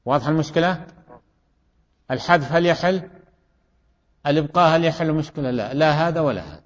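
A man's voice: fairly high pitch, expressive, fairly quick. Man teaching in an echoey hall. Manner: questioning, repeats student answers. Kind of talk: classroom grammar lesson. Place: classroom. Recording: dull recording in a reverberant hall.

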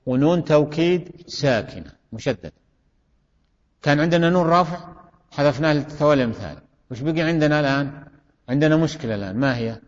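Male teacher, drills students with questions, slightly high voice, dull recording from a classroom. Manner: questioning, repeats student answers. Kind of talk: classroom grammar lesson. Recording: dull recording in a reverberant hall.

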